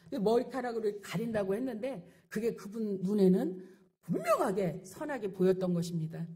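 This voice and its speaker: A woman's voice: medium pitch, lively intonation, normal speed, warm tone, breathy edge. A middle-aged woman pastor preaching a sermon with rising passion, acting out the people she quotes. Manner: impassioned preaching with acted-out quotes.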